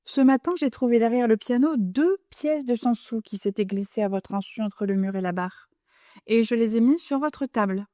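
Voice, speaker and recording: A woman's voice: fairly high pitch, normal speed, warm tone, no echo, clean studio sound, natural voice. A woman voicing a naive, superstitious young girl in an audiobook, with a teasing and earnest manner. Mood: gentle. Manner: teasing then earnestly fearful. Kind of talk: audiobook character voice.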